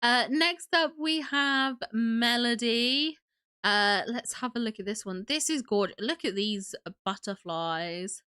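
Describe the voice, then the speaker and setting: A woman's voice: a little high, measured pace, pushed and bright, clean tone. A young woman hosting a casual livestream, sniffly from a cold, gushing and chatty as she greets viewers. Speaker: livestream host.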